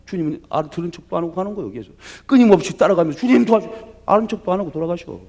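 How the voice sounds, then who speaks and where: A male pastor giving a lively sermon, asking the congregation rhetorical questions and acting out voices from the story. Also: fairly high pitch, very fast.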